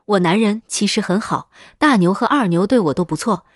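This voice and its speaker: A desperate, pleading village wife, as a woman reader voices her. She begs and wheedles in a plain, mid-pitched voice for a storybook narration. The sound is close and dry. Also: lively intonation, brisk, dry recording, natural voice. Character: desperate village woman who bought a bride.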